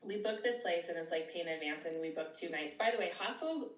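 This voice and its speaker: A woman's voice: lowish voice, fast talker, far from the mic. A woman around fifty, a podcast co-host telling stories in casual chat and laughing often. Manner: chatty storyteller, laughs often. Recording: echoey room, off-mic.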